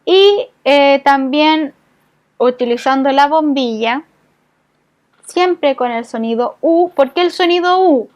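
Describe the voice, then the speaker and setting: High-voiced woman teaching a voice class. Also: slow, darkish tone. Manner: patient, explanatory, frequent check-ins with the class. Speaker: voice therapy instructor. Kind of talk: community class lesson.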